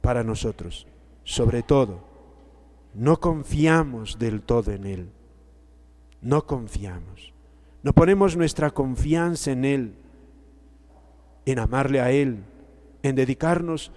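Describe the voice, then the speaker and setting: A male priest giving a sermon, preaching slowly and emphatically, repeating key words with pauses between phrases. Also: medium pitch, a little mellow. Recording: long hall reverb.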